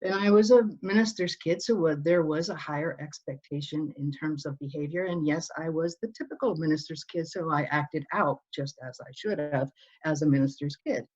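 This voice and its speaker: Speaking at a normal speed in a low, darkish voice, this middle-aged Northern Irish woman earnestly recounts her story as a guest in a conversational interview, often starting over. The recording sounds dull and lo-fi.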